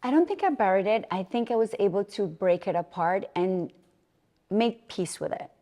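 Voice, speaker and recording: A Colombian woman, a fitness coach who owns a gym, speaks earnestly and reflectively as a guest in a personal interview. Her mid-range voice is animated and mellow, moving at a moderate pace, with a long reverb tail trailing behind it.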